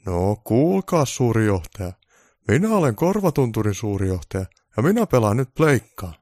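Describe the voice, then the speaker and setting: A man's voice: medium pitch, lively intonation, mellow, no echo, clean studio sound, voice pushed up, lightly acted. A man voicing a grumpy old Santa Claus with bellowing, blustery threats, in a comic storybook reading. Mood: gruff.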